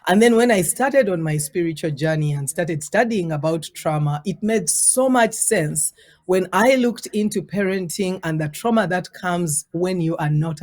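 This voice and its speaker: A woman's voice: lowish voice, a little mellow. A woman in her forties, raised in Uganda, speaking earnestly and reflectively as an interview guest about parenting, drawing out words for emphasis. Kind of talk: conversational interview storytelling.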